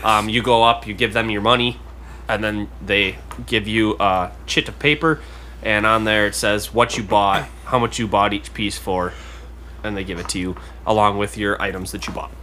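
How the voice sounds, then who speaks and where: A man's voice: fairly low pitch, fairly even intonation, moderate pace, bright, forceful tone, slight background noise. A man narrating as game master, playfully voicing auctioneers and townsfolk.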